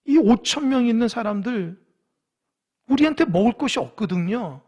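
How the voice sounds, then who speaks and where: A man's voice: extremely high pitch, animated, normal speed, a little mellow. A man preaching a sermon at a midweek church service, talking conversationally, asking the congregation questions and acting out biblical figures. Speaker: pastor. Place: church sanctuary.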